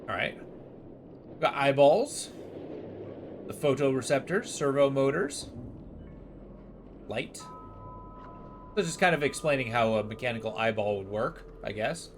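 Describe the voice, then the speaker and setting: A man's voice: mid-range voice, expressive, unhurried, long pauses, a little hiss or hum. A man streaming a game, switching between commentary and reading game text aloud, tripping over long words now and then.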